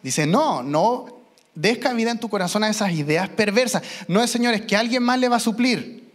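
High-voiced pastor preaching. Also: male voice, lively intonation. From Chile. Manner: emphatic, slows down for key phrases, mimics children. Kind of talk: sermon. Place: church.

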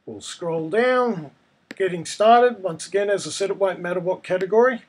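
A man, croaky and hoarse from a cold, narrating a casual step-by-step screencast tutorial. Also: high voice, normal speed. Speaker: tutorial presenter.

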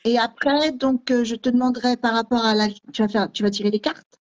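A woman's voice: a little high, a little fast, muffled recording. A woman hosting a live stream as a medium, greeting viewers and reading comments aloud in a scattered way. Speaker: host medium.

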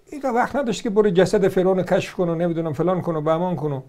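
This man's high, warm voice carries an Iranian Persian accent as he picks apart religious arguments point by point. His tone is sarcastic and combative, laced with rapid rhetorical questions.

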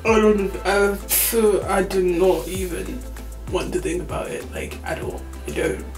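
A woman's voice: mid-range voice, reverberant, rough recording. A woman of twenty-four, chatting candidly to camera with many fillers and frequent laughs. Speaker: vlogger. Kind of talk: casual chat to camera. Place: small room indoors. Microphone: camera on tripod.

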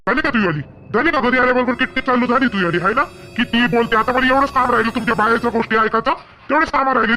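A man with a rural Maharashtra Marathi accent plays a husband in a village family skit. He talks in a coaxing, mildly teasing way. His voice is high for a man and bright. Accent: Marathi dialect of rural Maharashtra.

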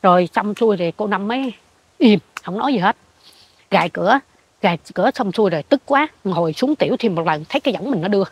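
An older woman with a Southern Vietnamese accent, telling a ghost story in an animated way and acting out what she saw. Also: mid-range voice, quick pace, slight background noise. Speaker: interviewee. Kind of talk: ghost story told in conversation.

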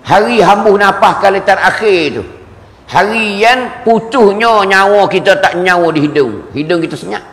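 A fairly high-voiced man with a Kelantan-Pattani Malay accent preaches, hammering points home through repetition and slowing to chant Arabic verses. His voice rings through a large hall with a long, echoing tail. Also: fairly bright tone. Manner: emphatic, repeats words, chants Arabic verses slowly. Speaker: religious teacher. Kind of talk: religious lecture. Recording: echoey hall with long reverb.

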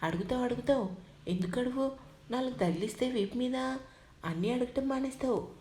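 A woman's voice: on the high side, brisk, dark tone, echoey room, slight background noise, lightly acted. A woman voicing a young husband who teases and scolds his wife playfully in a story reading. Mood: mock scolding. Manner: playful teasing. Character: young husband, teasing and protective.

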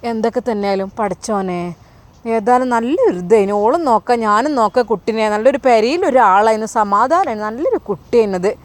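A woman voicing an anxious, grieving older mother, speaking in a soft, pleading way. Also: fairly high pitch, lively intonation, quick pace, natural voice. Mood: worried.

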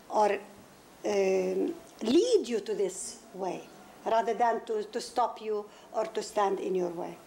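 Woman from Palestine, non-native English speaker, fairly high voice, earnest, stop-start answers, old tape with faint hiss. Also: a little mellow. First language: Arabic. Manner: earnest, halting, repeats words and restarts. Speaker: interviewee, novelist. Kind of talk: interview answers. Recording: 1991 interview tape with faint noise.

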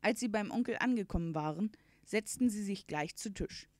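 A woman reading a children's storybook aloud in clear, even narration. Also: mid-range voice, moderate pace, no echo. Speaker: audiobook reader.

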